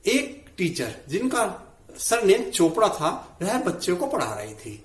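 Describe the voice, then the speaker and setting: Older man, joke storyteller, high voice, animated, echoey room. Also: takes it slowly. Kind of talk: telling jokes and stories.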